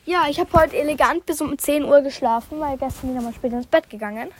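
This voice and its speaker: A woman's voice: high voice, quick pace, a little hiss or hum, poor audio. A young woman hosting a casual solo podcast recorded on her phone, chatting loosely, losing her thread and breaking off mid-sentence. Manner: chatty, scattered, self-interrupting, often drops to a whisper. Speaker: podcast host. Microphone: phone, no microphone.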